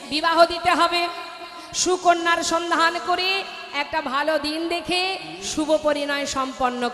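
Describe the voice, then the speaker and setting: A woman with a high, bright voice tells a devotional story in a kirtan sermon. The voice rings through a large, echoing hall. Soft music plays behind her. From Bengal. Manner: lively, chanting refrains, addressing listeners as mothers.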